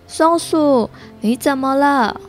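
A woman voicing a caring, helpful cat from a storybook, read slowly to a toddler. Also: sits high, faint music behind. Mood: concerned.

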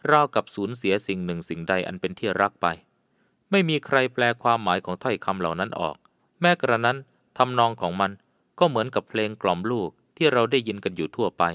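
A man narrating a jungle adventure audiobook in a measured, suspenseful way. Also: fairly low pitch, a bit bright, clean tone, no room sound, clean studio sound.

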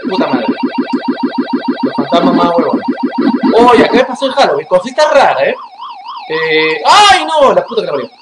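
A man with a Peruvian accent hosting a gaming video, telling a story between constant swearing and excited outbursts at the game. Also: high-pitched, normal speed, noisy background. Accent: Peruvian Spanish. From Peru. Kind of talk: casual gameplay commentary. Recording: echoey room under loud music.

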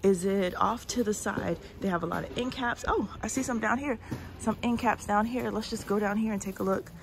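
A woman's voice: medium pitch, fairly quick, vocal fry, noisy background. A woman recorded on her handheld phone as she walks through a large indoor store, chatting casually to viewers. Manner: chatty, walking while talking, addressing viewers directly. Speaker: shopping vlogger. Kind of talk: casual walk-and-talk store tour. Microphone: phone held in hand.

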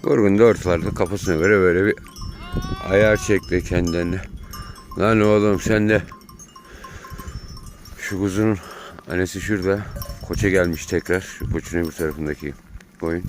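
On an overcast hillside pasture, a shepherd herds his flock while giving viewers calm, casual vlog narration, filmed on a handheld phone. His low voice moves at a moderate pace with long pauses, over faint music, outdoor noise and bleating sheep.

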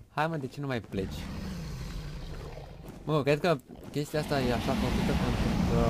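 Guy yelling and muttering over his game, normal pitch, lots of hiss behind. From Romania. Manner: excitable, shouts at the game, mutters to himself. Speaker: gaming video host. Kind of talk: live gameplay commentary.

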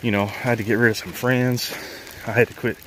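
A man's voice: medium pitch, level tone, fairly quick, fairly bright tone, a little hiss or hum, low-quality recording. A middle-aged man, chatting casually in a walk-and-talk vlog, plain-spoken and rambling, filmed outdoors and in his truck. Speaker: vlogger. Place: outdoors on a rural property and inside a truck.

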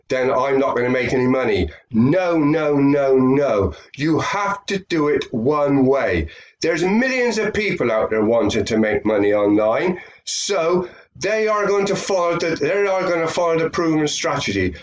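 In a small indoor room, an older British man with a mid-range voice talks to his webcam, the audio sounding dull. He's an affiliate marketer, nasal from a head cold, rambling along with many fillers and repetitions.

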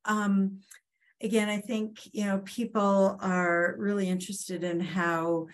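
A woman moderates the question session after a lecture. She talks at an ordinary pitch, chatty and a little apologetic. She fills her sentences with ums as she relays questions from the audience. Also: flat delivery, takes it slowly. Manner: chatty, apologetic, many fillers.

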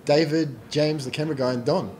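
A man's voice: on the high side, fairly even intonation, brisk, a little mellow. Aussie guy rambling through a film commentary, laughs a lot, faint hiss behind. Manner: chatty, laughs often. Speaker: commentary host. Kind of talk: casual audio commentary.

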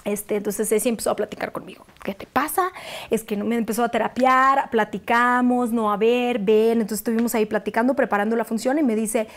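A young adult woman, an actress as interview guest, telling a personal story in casual chat and acting out the quotes. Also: fairly quick. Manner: animated, acts out quotes with sudden high bursts.

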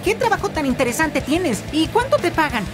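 A woman voicing a sensible, peacemaking young dog in an animated parody. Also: high voice, a little fast. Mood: questioning. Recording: loud music behind.

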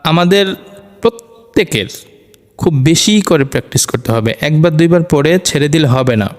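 A man teaching Quran letter pronunciation, explaining slowly and repeating each Arabic letter over and over for practice. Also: fairly high pitch, expressive, a little mellow. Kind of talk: slow explanatory lesson with drilled letter sounds. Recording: long reverberant room echo.

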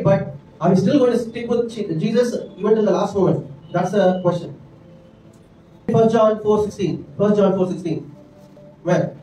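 This pastor, a middle-aged man with an Indian English accent, has a high-pitched voice with a darkish tone. He delivers an earnest sermon from the church stage through a handheld mic, often tossing in "right?" and "amen." Picked up from a distance, the sound carries the echo of the church room.

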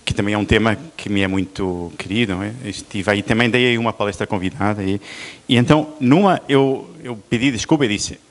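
Low-voiced Portuguese man lecturing. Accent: European Portuguese, softened toward Brazilian. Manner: halting, frequent restarts and tag questions. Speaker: visiting professor, lecturer. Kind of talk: university lecture. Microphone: microphone at a lecture.

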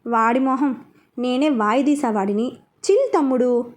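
A hot-headed young woman snaps and scolds in a high, sharp voice, as a woman reads her lines. She is a storybook heroine with a quick temper who does not back down. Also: natural voice. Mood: breezy.

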